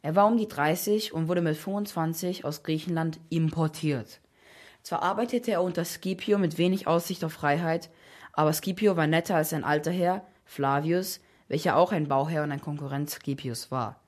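A woman narrates a story from a script, stopping now and then to explain old words. Her voice sits on the lower side for a woman. The delivery is measured and steady. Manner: explains Latin terms as she reads.

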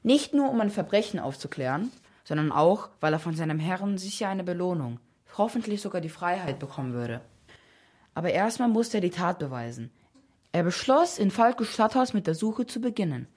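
A woman's voice: lowish voice, a little mellow, slightly rough. Woman reading a story with explanations. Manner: explains Latin terms as she reads. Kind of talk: scripted story narration.

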